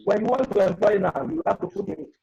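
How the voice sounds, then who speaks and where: A man's voice: high voice, animated, quick pace, gravelly, dark tone, breathy edge, muffled recording. A man speaking earnestly as a webinar panelist over an online conference call with an earphone mic, the audio breaking up. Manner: earnest, advising, repeats himself. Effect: heard over a breaking online conference call. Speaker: webinar panelist on data protection. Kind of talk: advisory talk on a video call.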